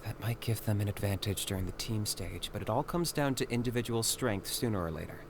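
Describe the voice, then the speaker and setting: A man voicing a calm, stern young man. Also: lowish voice, fairly quick, very noisy, natural voice. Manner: dry, level, reproachful.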